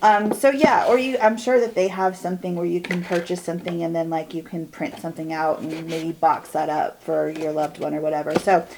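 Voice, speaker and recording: A young woman talks in a bubbly, rambling way, firing off quick bursts of chatter. She is recorded at home, hosting a chatty get-ready-with-me beauty vlog. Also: on the low side, flat delivery, noisy background. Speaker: beauty vlogger.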